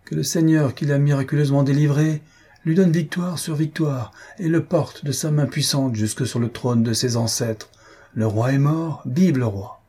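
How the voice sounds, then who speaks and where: A man's voice: on the high side, moderate pace, dark tone, husky, pitched above the performer's own voice. A man voicing an old blind marquis in an audiobook, with a fervent, solemn way of raising toasts. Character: old blind male marquis, proud royalist host. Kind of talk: audiobook character voice.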